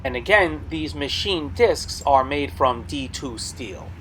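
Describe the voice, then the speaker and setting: A man's voice: a little high, expressive, slow pace, fairly bright tone, a little hiss or hum, rough recording. A man narrating a product showcase as a video host, explaining details in a matter-of-fact way. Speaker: blacksmith video host selling tools.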